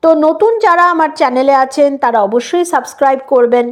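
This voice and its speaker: A woman's voice: high-pitched, fast. A woman with a Bengali accent teaching an English lesson, patiently spelling words out letter by letter and checking that her viewers follow. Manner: explains patiently, spells words letter by letter, often adds "right?". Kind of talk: casual spoken lesson.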